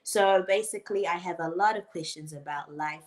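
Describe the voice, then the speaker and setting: A woman in her twenties with a New Zealand accent, co-hosting a live podcast in a bubbly, excited way. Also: on the low side, moderate pace. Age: 20s. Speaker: podcast co-host.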